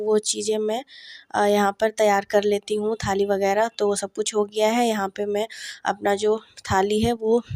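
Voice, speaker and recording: Woman, 30s, from eastern India; chatty vlogger, voice thick and hoarse from a cold, monotone, dry. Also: mid-range voice, no echo. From Jharkhand or Bihar, India. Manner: chatty, many fillers, addresses viewers as friends. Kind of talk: casual vlog narration.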